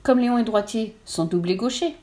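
Woman reading a children's story. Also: a little fast. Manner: lively, voices the characters' lines with raised pitch. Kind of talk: children's story read aloud.

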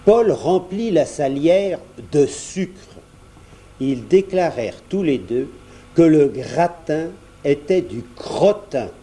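A man reading a children's story aloud as narrator, in an expressive, lilting way. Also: a little high, a little hiss or hum.

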